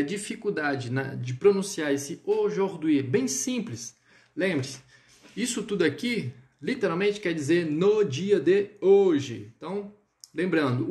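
A man's voice: fairly high pitch, a little mellow. A man teaching a live online French lesson, speaking to viewers on a phone or webcam mic and checking in with them often.

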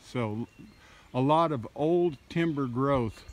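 A man narrating a casual walking tour of his wooded farm outdoors, talking in a slow, halting way with many fillers, recorded on a handheld phone. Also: medium pitch. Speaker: farmer vlogger. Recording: faint outdoor noise.

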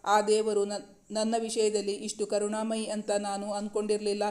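A woman's voice: medium pitch, monotone, moderate pace, a little mellow, lightly acted. A woman reading the lines of a playful, affectionate young man who is the hero of a romance story. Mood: teasing. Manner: playful, affectionate, mock-stern.

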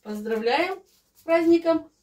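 A woman's voice: very high voice, animated, unhurried, background noise. An older woman hosting a home vlog in her kitchen, chatting casually and fondly with her guests. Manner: warm fussy hostess, affectionate diminutives. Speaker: vlog host, grandmother.

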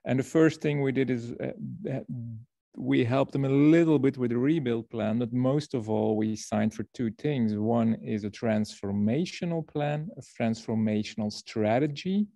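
A man's voice: medium pitch, normal speed, creaky, dark tone, dry recording. A man from Belgium presenting to a workshop over a video call, explaining ideas through a story. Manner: storytelling, explanatory, repeats words.

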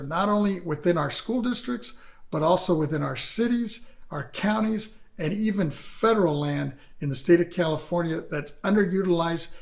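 Middle-aged man giving earnest video remarks. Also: a little high. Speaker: convention speaker. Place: indoor room with large window.

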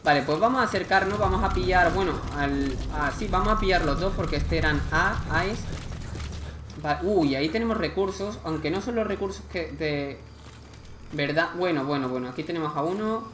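A man with an accent from Spain, casually commenting on a game he plays, chatty and excitable with lots of slang. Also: a little high, normal speed, reverberant, background noise. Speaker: gameplay commentator.

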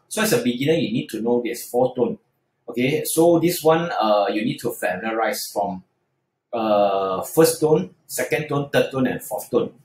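A man's voice: mid-range voice, animated, normal speed, darkish tone, echoey room, poor audio. A man teaching beginner Mandarin in a screen-recorded tutorial, talking hesitantly with frequent fillers and restarts.

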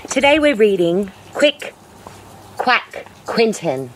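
A woman reading a children's picture book aloud in a lively, playful way. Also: mid-range voice, slow pace, slight background noise. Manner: lively, playful, occasional laughs. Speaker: storyteller.

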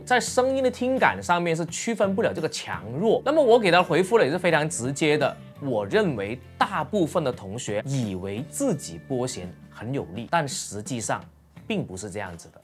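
A woman teaching electric guitar in a casual video lesson, chatty and checking in with her students with rhetorical questions. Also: deep voice.

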